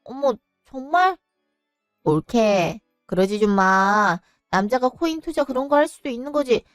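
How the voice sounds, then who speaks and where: A mocking young sister-in-law, as a woman narrator puts her on in a storybook drama. She teases in a light, breezy way with a clear, smooth voice. Close, dry sound. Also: on the high side, expressive, a little slow, no echo, faint music behind. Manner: breezy, teasing. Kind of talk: storybook voice acting.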